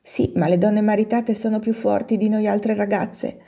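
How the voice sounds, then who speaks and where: A woman reading the part of an affectionate young woman who speaks softly and gently. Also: medium pitch, fairly even intonation, moderate pace, gravelly. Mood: tender. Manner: soft, hushed.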